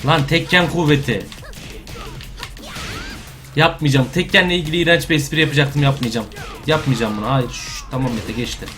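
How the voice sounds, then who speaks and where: A young man doing casual let's-play commentary, excitable and trash-talking, often breaking into shouts. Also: medium pitch, brisk, pauses often, faint music behind. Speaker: gameplay commentator.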